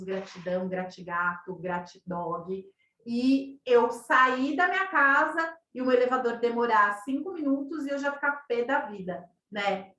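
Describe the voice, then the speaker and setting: A woman's voice: high voice, a bit bright. A woman with a Brazilian Portuguese accent gives a casual, conversational masterclass as a running coach, often tagging her sentences with questions to the listeners. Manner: conversational, tags sentences with questions, acts out quoted thoughts. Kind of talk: online masterclass talk. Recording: roomy echo, distant from mic.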